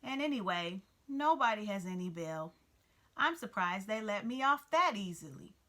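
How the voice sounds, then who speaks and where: A woman voicing a gentle, honest young male cricket who talks in a mild, resigned, sighing way, reading a storybook aloud. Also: mid-range voice, very animated, moderate pace. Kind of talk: storybook read-aloud character voice.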